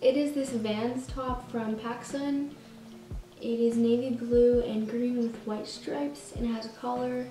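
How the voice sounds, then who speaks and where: A teenage girl talks through her try-on haul in a bubbly, chatty way, tossing in self-mocking jokes. Her voice sits a little high and has a soft, mellow tone. She sounds set back from the mic in an echoey room. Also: flat delivery, measured pace, far from the mic. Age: teens. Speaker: vlogger. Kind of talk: casual try-on haul chat.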